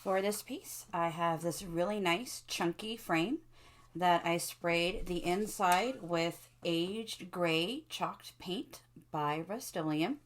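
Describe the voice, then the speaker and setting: A woman's voice: fairly low pitch, takes it slowly. A middle-aged woman hosting a casual crafting tutorial, chatting to her viewers and asking them questions as she works. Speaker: craft video host.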